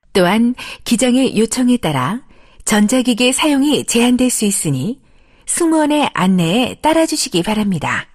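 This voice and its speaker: A woman reading a scripted plane cabin safety announcement in a formal, polite way, as a flight attendant. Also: on the high side.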